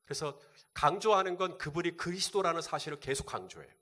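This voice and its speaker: A man preaches from the pulpit as a pastor. His voice sits a little high for a man. He keeps putting questions to his congregation and then answering them. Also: sing-song, fast talker, sharp tone. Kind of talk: sermon.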